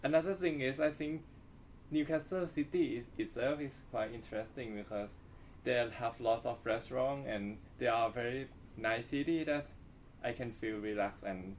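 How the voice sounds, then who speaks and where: A young man from Thailand, a postgraduate student, speaking in halting, simple phrases. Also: medium pitch, a little hiss or hum.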